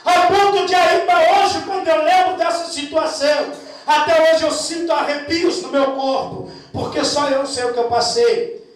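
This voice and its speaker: A Brazilian man with a Brazilian Portuguese accent, a deacon, shouting his testimony fervently to the congregation in a sermon. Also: very high-pitched, normal speed. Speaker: deacon preaching. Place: large echoing church. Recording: echoey church hall, far from the mic.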